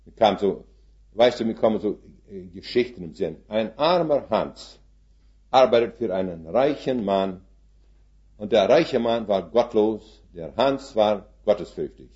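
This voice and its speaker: A man's voice: on the low side, lively intonation, measured pace, mellow, muffled recording. A man in his seventies preaching a sermon full of stories, putting folksy rhetorical questions to his congregation and dropping English words into his German. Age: 70s.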